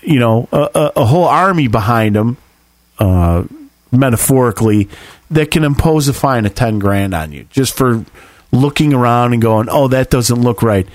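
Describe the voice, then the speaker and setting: A man's voice: mid-range voice, lively intonation, moderate pace, no room sound. A man co-hosting a podcast, ranting in casual chat with lots of swearing and acted-out quotes. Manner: ranting, profane, acts out quoted voices. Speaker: podcast co-host.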